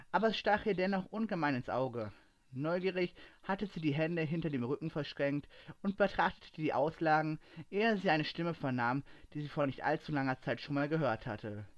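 A man reading a fantasy adventure story aloud in steady narration. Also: a little high, dry recording, muffled recording.

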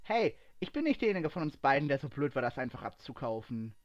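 A man's voice: mid-range voice, sing-song, quick pace, muffled recording, natural voice. A man reading a story aloud and voicing a brash, cheeky young woman who captains a pirate crew, blunt and stubborn.

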